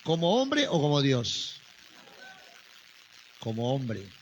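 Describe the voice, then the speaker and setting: A man preaching a Bible study sermon as pastor, swinging between emphatic rising declarations and quiet questions to the congregation. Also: mid-range voice, wildly swooping pitch, slow pace, a little hiss or hum, poor audio.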